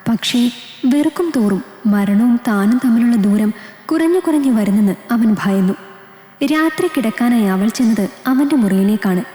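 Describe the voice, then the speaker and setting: Female storyteller, calm scripted reading, slightly high voice, roomy echo. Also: moderate pace. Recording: echoey room, long reverb.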